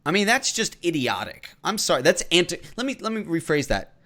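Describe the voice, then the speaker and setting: A man's voice: fairly high pitch, very animated, fairly quick, pushed and bright. A man co-hosting a casual podcast discussion, blunt and opinionated, stretching out words for emphasis. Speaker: podcast co-host.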